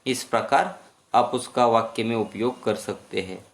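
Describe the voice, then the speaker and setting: A man teaching a story lesson who explains slowly and checks in with "hmm?". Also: medium pitch, gravelly.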